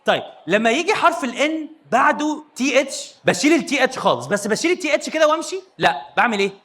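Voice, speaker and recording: A young man with an Egyptian Arabic accent teaching English in a lively, playful way to a live audience, laughing often as he quizzes them. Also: extremely high pitch, quick pace. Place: youth hall with a live audience.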